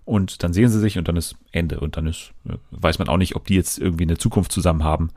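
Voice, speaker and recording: A man with a very low voice hosts a relaxed chat, talking loosely with frequent fillers and restarts. His voice sounds dry and close, with almost no room around it. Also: fast talker, no echo. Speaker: podcast host. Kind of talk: casual chat about TV.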